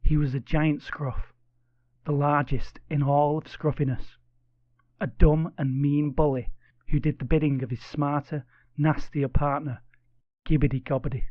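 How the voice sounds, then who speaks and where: A man narrating a children's audiobook with expressive, playful storytelling. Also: fairly high pitch, a little slow, no room sound, dull audio.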